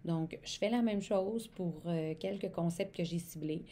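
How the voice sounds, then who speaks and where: A woman's voice: on the low side, unhurried, dark tone, slight background noise. A woman, an educational support worker giving a demonstration lesson on reading aloud to young children, stretching words as if speaking to them.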